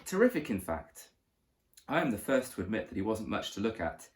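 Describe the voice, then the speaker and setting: Lively male storybook narrator. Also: fairly low pitch, a little fast. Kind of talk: storybook reading.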